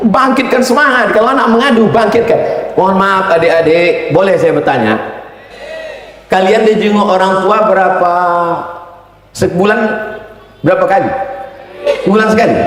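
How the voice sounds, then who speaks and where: Joking preacher in an echoey hall. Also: male voice, fairly high pitch, a little hiss or hum. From Riau. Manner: humorous, acts out voices. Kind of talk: sermon. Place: large hall at an Islamic boarding school. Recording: echoey hall, distant mic.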